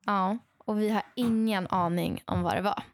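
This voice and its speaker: A young adult woman casually telling stories to a friend, lively and acting out what others said, with many fillers. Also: mid-range voice. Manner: animated, acts out quoted dialogue; frequent fillers and restarts. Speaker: podcast co-host telling stories. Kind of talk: casual storytelling chat.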